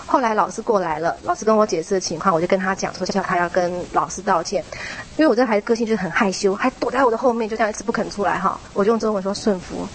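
A woman, a mother, sharing her own story in a church small group, chatty, with a soft tag particle at the end of her phrases. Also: mid-range voice, very fast, hardly any pauses, a little hiss or hum, poor audio.

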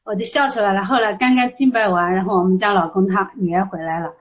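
A woman sharing a personal testimony in an online prayer room, emotional and rising high as she recounts her prayer. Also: quick pace. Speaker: testimony speaker. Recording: muffled lo-fi online voice chat.

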